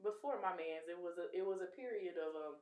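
A woman's voice: on the low side, a little fast, a little mellow. A young woman in her twenties, a podcast guest, talking in a chatty, hyped way and laughing often. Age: 20s. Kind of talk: casual chat. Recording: roomy echo.

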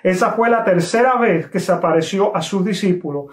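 A man preaching a sermon, telling a story with emphatic, slowly stressed phrases. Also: sits high, reverberant. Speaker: pastor.

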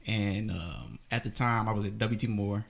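Low gravelly man telling a story. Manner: unhurried, hesitant with many ums. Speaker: podcast co-host. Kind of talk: casual storytelling.

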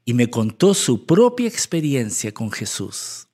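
A man preaching a storytelling sermon, emphatic, swinging between loud exclamations and soft asides. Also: medium pitch, very animated, measured pace, slightly rough.

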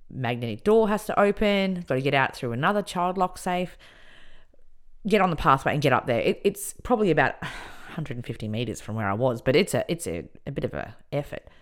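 A woman telling a personal story on a podcast, emphatic and animated as she recounts events. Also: sits low, a little fast.

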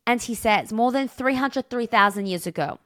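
Delivering a weekly Torah portion lecture, a woman speaks at a normal pace in a fairly high voice with lively intonation, recorded dry and in studio quality. Her impassioned, emphatic style mixes storytelling and rhetorical questions, shifting dramatically between stressed and hushed lines.

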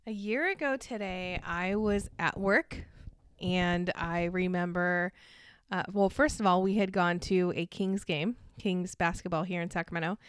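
Woman with a smooth clear voice, casual podcast chat, dry close sound. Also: on the low side, dry recording. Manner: rambling storyteller, laughs often. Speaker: podcast guest and co-host.

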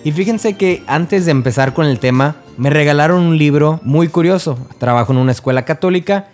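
A man's voice: a little high, a little fast, a little mellow, soft background music. A man with a Mexican accent hosting a casual religious podcast, talking straight to the listener in a chatty way. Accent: Mexican Spanish. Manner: chatty, addresses the listener directly. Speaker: podcast host.

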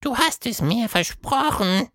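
A tiny, playful tentacled creature from a children's storybook squeaks its lines high and with wide swings. The voice stays earnest and eager. The recording is dry and close. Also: male voice, animated, measured pace, sharp tone, dry recording, full character voice. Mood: squeaky, pleading. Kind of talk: storybook narration.

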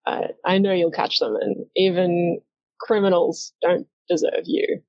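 A woman voicing a young male superhero who quietly pleads with his ex in a collaborative comic story game. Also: fairly low pitch, steady tone, unhurried, no room sound, muffled recording. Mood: earnest.

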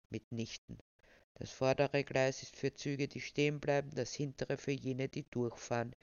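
A woman voicing a calm, pedantic male railway official who lectures in a dry, unbothered way. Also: medium pitch, smooth, dry recording, muffled recording, pitched below the performer's own voice, natural voice.

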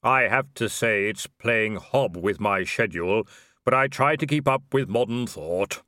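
A man voicing Death, a calm, matter-of-fact robed supernatural being in an audiobook, in a slow, solemn deadpan. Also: lowish voice, no room sound, clean studio sound.

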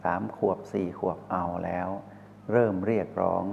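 A man giving a slow, measured dharma talk as a spiritual teacher, posing rhetorical questions to listeners. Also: sits low, steady tone, gravelly, slight background noise. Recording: reverberant hall over a tinny phone-like line.

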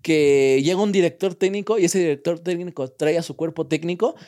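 A young man with a Mexican accent chats casually on a podcast, full of slang, restarts, and fillers. His voice is a little high, brisk, and mellow.

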